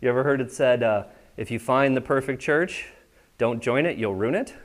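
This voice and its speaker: A US pastor is heard preaching a sermon in the church sanctuary. He has a mid-range voice at normal speed and keeps the tone conversational, repeatedly checking that the congregation is following.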